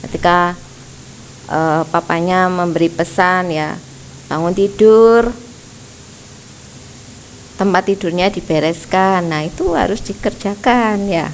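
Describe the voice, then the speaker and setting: Woman preacher, unhurried gentle sermon delivery, frequent "ya" tags, faint background hiss. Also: fairly low pitch, rough recording. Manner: slow, gentle, tags nearly every phrase with "ya". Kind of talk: sermon at a prayer service. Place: church.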